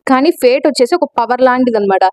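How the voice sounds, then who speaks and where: Fast-talking high-voiced woman narrator. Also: a little mellow, no echo, clean studio sound. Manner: rapid chatty retelling with quoted lines. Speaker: manhwa recap narrator. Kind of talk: casual storytelling recap.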